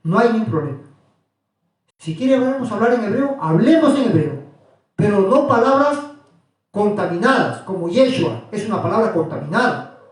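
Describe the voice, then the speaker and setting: A man preaching to a small group, pressing his point with repeated questions. His voice sits high, and it rings around a very echoey room. The mic is some distance away. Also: very animated, moderate pace. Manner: questioning, repetitive, insistent. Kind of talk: religious teaching to a small group.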